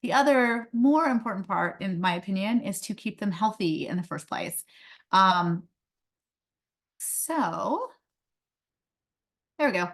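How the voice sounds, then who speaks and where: Speaking slowly with long pauses, a woman with a medium-pitched, lively voice gives a webinar presentation over a video call. She grew up in India and works as a pediatrician and company founder. Her talk is conversational, sprinkled with many "um"s and light laughs.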